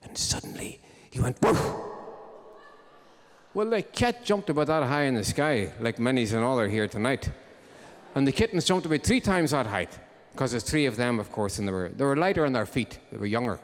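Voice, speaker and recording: A man's voice: mid-range voice, sing-song, moderate pace. Man, droll live-show host, storytelling, reverberant concert hall. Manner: droll, jokey storyteller with comic timing.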